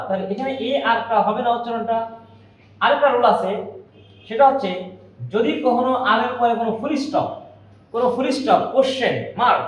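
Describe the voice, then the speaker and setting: Echoey high-voiced male teacher. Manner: repeats example words slowly and deliberately. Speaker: English pronunciation teacher. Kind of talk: classroom-style lesson. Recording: very echoey room, mic at a distance.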